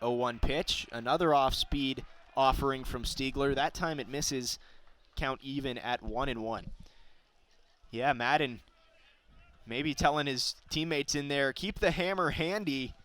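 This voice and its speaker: A young man works as a live play-by-play announcer for a baseball game, walking through every pitch and getting excited when big plays happen. He keeps a measured pace, and the recording has no echo.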